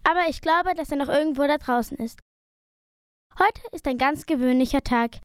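A woman's voice: high voice, normal speed, dry recording. A woman reading a first-person story aloud in a plain, uneven reading voice. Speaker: narrator.

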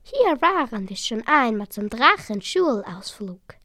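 A woman voicing a clever, lively young female dragon in a children's story, eager and teasing. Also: fairly high pitch, unhurried, no room sound, studio quality, exaggerated voice.

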